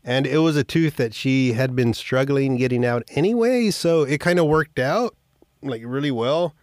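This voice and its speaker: A man hosting his own podcast talks through a long, loose story in a relaxed, conversational way. He rambles, drops frequent swear words and throws in offhand jokes as he goes. His voice is set at an average pitch and recorded dry and close to the mic. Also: normal speed, dry recording. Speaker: podcast host. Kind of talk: casual storytelling monologue.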